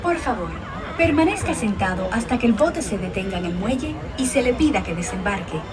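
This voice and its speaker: A woman reading a polite prerecorded ride safety announcement, heard through an outdoor loudspeaker at a boat ride. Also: mid-range voice, lively intonation, loud music behind the voice. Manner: quick, polite scripted instructions. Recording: distant loudspeaker in a loud crowd.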